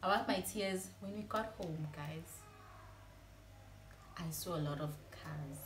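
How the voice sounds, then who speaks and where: A young woman with a South African Zulu accent tells a personal story in a vlog, in a low voice. She speaks in an emotional, confiding way and slips between English and Zulu. Her voice sounds echoey, with faint ambient noise in the room behind her. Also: takes it slowly. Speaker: vlogger.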